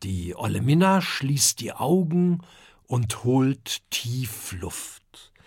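Slow, husky storybook narrator man. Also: medium pitch, no room sound, studio quality. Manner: calm, expressive storytelling. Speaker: audiobook narrator. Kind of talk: children's audiobook narration.

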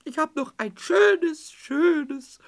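A woman's voice: sits high, very slow, vocal fry, full character voice. A woman voicing a mischievous little male goblin in a radio play, teasing and stammering. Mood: sulky. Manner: teasing, stammering when upset.

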